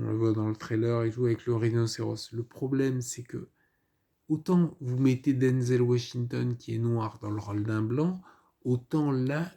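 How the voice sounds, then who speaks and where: Guy rambling through a movie review, gravelly voice, jokey asides. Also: mid-range voice, dark tone. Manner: rambling, with ironic joking asides. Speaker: film reviewer. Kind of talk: casual spoken film review.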